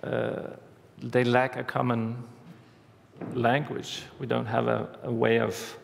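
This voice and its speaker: A man giving a conference talk, walking through a live demo step by step in a halting way, recorded in a large hall. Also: mid-range voice, flat delivery, creaky. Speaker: conference speaker. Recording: reverberant hall, faint background noise.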